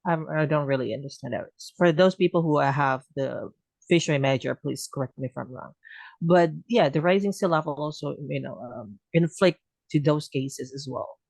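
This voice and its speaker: A man's voice: fairly high pitch, normal speed, creaky, darkish tone, dry recording. A man talking in a casual online group discussion, rambling with many "you know" fillers and joking asides. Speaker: discussion participant.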